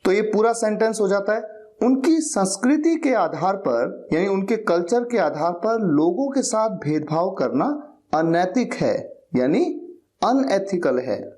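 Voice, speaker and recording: Slow, lively-toned male English teacher. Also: high voice. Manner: slow, deliberate, repeats example sentences and spells words out. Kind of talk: vocabulary lesson.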